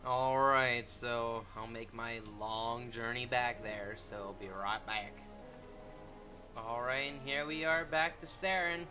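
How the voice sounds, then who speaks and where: Bright-voiced man giving casual game commentary. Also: medium pitch, fairly even intonation, takes it slowly, soft background music. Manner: informal, thinking aloud. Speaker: gamer hosting a walkthrough.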